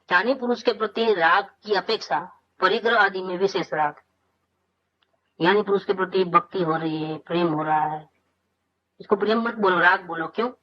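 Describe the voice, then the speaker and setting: A man's voice: high-pitched, highs cut off. A man teaching from scripture in an informal spiritual discourse, asking rhetorical questions and answering them himself.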